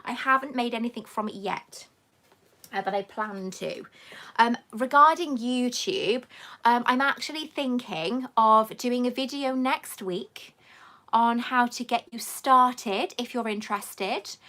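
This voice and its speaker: A fairly high-pitched, fairly bright-toned woman of middle age hosts a live question-and-answer stream, chatting and reading comments aloud. She comes from England but grew up in Wales, and her accent mixes the two.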